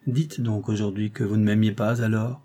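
A man's voice: lowish voice, level tone, moderate pace, warm tone, natural voice. A man voicing a proud, feverish young actress who talks in a curt, imperious, pressing way. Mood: urgent, proud.

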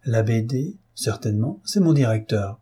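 A man reading the lines of an eager, caring married woman in a storybook, voicing her a little higher than his own voice. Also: expressive, normal speed, warm tone, husky.

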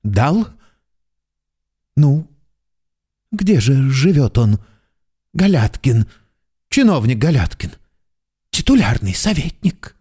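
An actor playing a nervous, excitable middle-aged clerk in a literary radio drama, pleading one moment and hurling abuse the next. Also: male voice, medium pitch, slow pace, pauses often, slightly rough, full character voice. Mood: alarmed. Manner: agitated, pleading, bursts into shouting abuse.

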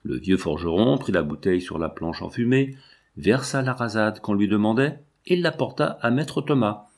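Man reading a classic novel, low-pitched, measured and steady. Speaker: audiobook narrator. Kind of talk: scripted literary narration.

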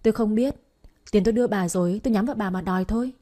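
A woman voicing angry neighbor women who demand their money back in a sharp, scolding way. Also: medium pitch, animated, fast talker, breathy edge.

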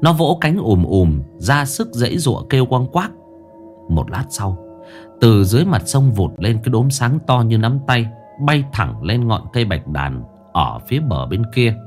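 A man narrating a horror story in a lively, dramatic reading style. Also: medium pitch, moderate pace, soft background music.

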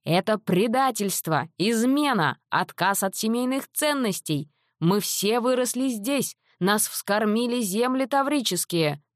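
A woman reading an audiobook, voicing a stern, quick-tempered middle-aged father who talks in loud, slow, emphatic outbursts. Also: a little high, expressive, no room sound, clean studio sound, pitched above the performer's own voice. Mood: indignant.

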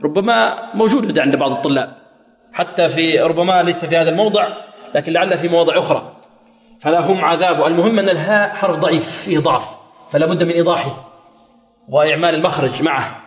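A man teaching Quran recitation rules, quizzing his students with questions and chanting verses slowly to demonstrate. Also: a little high. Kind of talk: tajweed lesson with chanted recitation. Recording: echoey hall.

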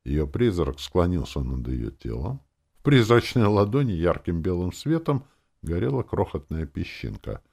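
Мужчина читает фэнтези-аудиокнигу от первого лица, драматично, то мрачно, то насмешливо. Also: male voice, sits low, very animated, moderate pace, vocal fry, darkish tone. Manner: dramatic, swinging between grim and mocking. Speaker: audiobook narrator. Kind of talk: first-person audiobook narration.

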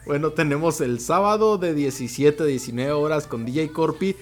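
Low-key man co-hosting radio. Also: moderate pace. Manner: low-key, reads schedule announcements. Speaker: radio show co-host. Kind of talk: casual radio chat. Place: radio studio.

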